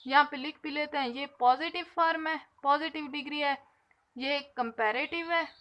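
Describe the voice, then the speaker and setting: A woman teaching an English grammar lesson, explaining patiently and slowly stretching out the example words. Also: sits high, sharp tone.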